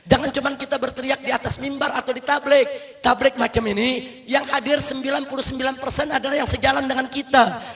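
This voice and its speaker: A man preaching a fiery rally sermon as an Islamic preacher, shouting rousing calls to the crowd and often addressing them as brothers. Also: very high voice, little pitch movement, a little fast.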